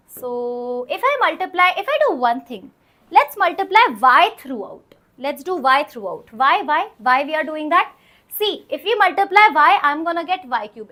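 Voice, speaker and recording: High-pitched North Indian woman teaching. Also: pushed and bright. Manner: emphatic, repeats phrases, checks understanding with questions. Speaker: maths teacher. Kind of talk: live online exam-prep lesson, working through problems aloud.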